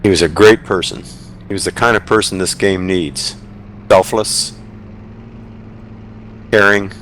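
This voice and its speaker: An older man giving a heartfelt, halting eulogy over game voice chat, often restarting his sentences. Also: deep voice, fairly bright tone, slight background noise. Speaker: eulogist in an online game memorial.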